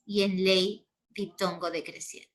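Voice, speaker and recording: Slow, patient Peruvian woman teacher. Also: mid-range voice, flat delivery. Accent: Peruvian Spanish. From Peru. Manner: patient, explains step by step with check-in questions. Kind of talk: spoken grammar lesson.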